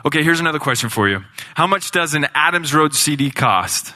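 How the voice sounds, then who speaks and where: A man's voice: a little high, expressive, a little fast, pushed and bright. A man from a gospel band speaking earnestly from a church stage, quizzing the crowd, with many ums. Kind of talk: stage introduction to a church audience.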